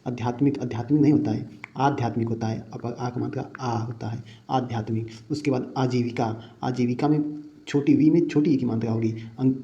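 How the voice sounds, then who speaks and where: A man's voice: mid-range voice, fairly even intonation, a little fast, warm tone, highs cut off. A male teacher giving a Hindi spelling lesson for exam prep, who repeats each word and keeps asking his students rhetorical questions. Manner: repeats words and asks the class rhetorical questions.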